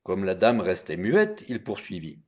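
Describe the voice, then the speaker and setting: A man narrating a story in a calm, even telling. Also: sits low, unhurried. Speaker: reader.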